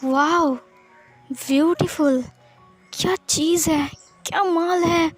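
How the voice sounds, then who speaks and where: A woman's voice: very high-pitched, takes it slowly, soft background music. A woman voicing a leering, arrogant young male rival who talks in a sneering, pushy way.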